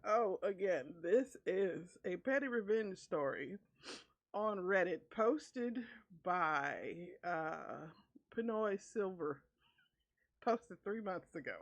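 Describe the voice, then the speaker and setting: A woman's voice: fairly low pitch, expressive, slow. A woman streamer reading an online story aloud with her own commentary, laughing often between lines. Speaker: VTuber streamer.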